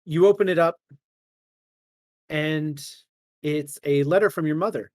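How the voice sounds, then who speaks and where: Male game master, lighter pitch, halting improvised narration, dry studio-like sound. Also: a little mellow, no room sound.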